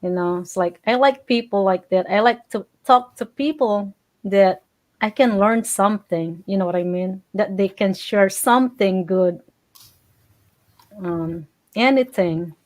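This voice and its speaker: A woman's voice: mid-range voice, a little slow. A woman from the Philippines hosting a casual livestream talk, chatty, with many fillers. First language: Filipino. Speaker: host.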